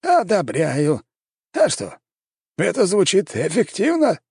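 A man's voice: high voice, wildly swooping pitch, slow pace, creaky, darkish tone, slightly rough, no echo, studio quality, voice pushed up, exaggerated voice. A man voicing an arrogant emperor who speaks in a haughty, dismissive way. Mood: scornful. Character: arrogant scornful male emperor, middle-aged ruler.

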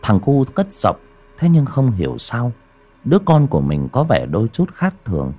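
A man narrating a horror audio story in a slow, suspenseful storytelling manner. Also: medium pitch, huge pitch swings, dark tone, soft background music.

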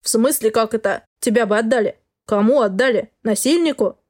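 A woman reading an audiobook, voicing a blunt, caring male doctor in her own fairly high voice. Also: brisk, lightly acted. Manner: blunt, plain-spoken. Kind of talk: audiobook dialogue.

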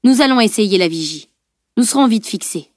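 A woman reading an audiobook, voicing an elderly, kindly and cautious male scholar in a measured, patient way. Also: mid-range voice, lively intonation, darkish tone, no room sound, clean studio sound, lightly acted. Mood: explaining.

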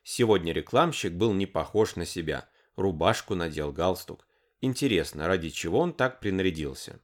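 Deep male audiobook narrator, low voice but super lively, expressive read. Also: normal speed.

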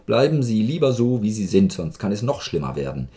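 A man voicing a self-assured male doctor who speaks in a measured, persuasive way. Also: on the low side, sing-song, mellow, voice pushed up.

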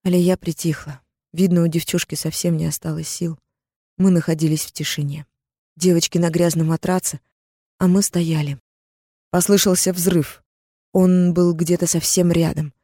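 A woman's voice: lowish voice, flat delivery, moderate pace, mellow, no room sound, clean studio sound. A woman reading a first-person audiobook in a tense, dramatic storytelling manner. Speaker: audiobook narrator. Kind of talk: first-person scripted narration.

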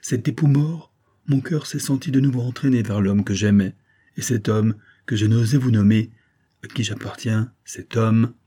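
A man's voice: fairly low pitch, moderate pace, mellow, slightly rough. A man voicing a devoted young noblewoman who pleads with her father in an audiobook. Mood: pleading. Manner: pleading, earnest.

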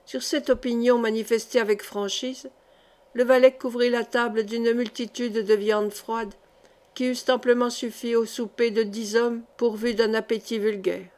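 A woman reading a historical novel aloud as an audiobook narrator, steady and expressive. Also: a little high, unhurried. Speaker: audiobook reader. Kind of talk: scripted narration.

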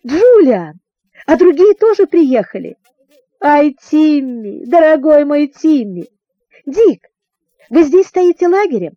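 A woman voicing an excited young tomboy girl in a storybook reading, talking in a breathless, gushing way. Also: high-pitched, moderate pace, dry recording, muffled recording, pitched above the performer's own voice.

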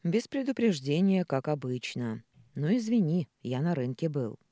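Brief: reader as a tired middle-aged father, calm and reasoning, warm dry tone. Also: medium pitch, normal speed, no room sound, close to an everyday voice. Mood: weary. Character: gentle middle-aged man, patient weary father. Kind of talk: audiobook character voicing.

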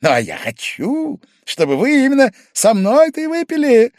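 Male reader doing drunk fawning man, shrill and simpering, dry close sound. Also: wildly swooping pitch, a little mellow, no room sound, full character voice. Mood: wheedling insistent. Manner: simpering, shrill, drawn-out pleading. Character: drunk fawning middle-aged man, wheedling and hysterical.

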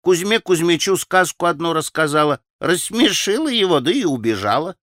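A man voicing a flustered, chattering old servant woman in a high, shrill falsetto for an audiobook. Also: big pitch swings, normal speed, a bit bright, no room sound, studio quality. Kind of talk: audiobook character voice.

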